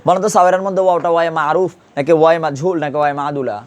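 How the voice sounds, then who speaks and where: A male teacher with a slightly raised pitch leads a grammar class in an easy, conversational way. He drills pronunciation patiently and keeps quizzing his students with repeated questions. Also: racing, a little hiss or hum. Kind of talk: classroom lesson.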